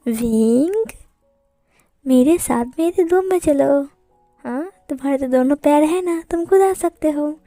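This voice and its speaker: A grumpy young husband, voiced by a woman who answers everyone curtly and with sarcasm. The tone is high yet mellow. Close and dry. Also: normal speed, dry recording, faint music behind, natural voice. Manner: curt, sarcastic. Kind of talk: fan fiction storytelling.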